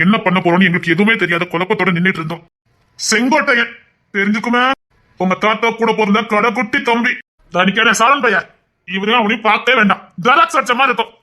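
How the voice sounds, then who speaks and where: A man telling a dramatic serial story aloud, voicing every character himself and rising into emotional high lines. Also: pushed and bright.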